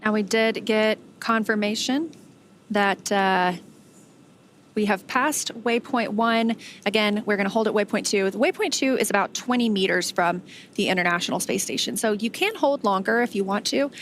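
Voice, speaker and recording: Woman, live broadcast commentary, medium pitch, conversational explainer, faint ambient noise. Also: fairly quick.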